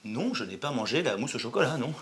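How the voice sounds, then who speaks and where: An actor playing a sarcastic, grumpy, unbothered boyfriend in a scripted couple comedy, with an offhand, dry delivery. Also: male voice, medium pitch, sing-song, fast, fairly bright tone, husky, full character voice. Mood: flat, grumpy.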